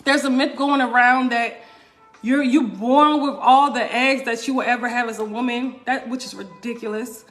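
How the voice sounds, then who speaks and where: A woman wellness coach speaks to her online viewers in a high voice. She presses her points with repetition and keeps checking in with "right?" and "okay?". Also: fairly even intonation, normal speed, a bit bright, faint music behind. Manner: emphatic, repeats points, asks "right?" and "okay?". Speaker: wellness coach hosting a live stream. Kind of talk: casual live-stream talk to viewers.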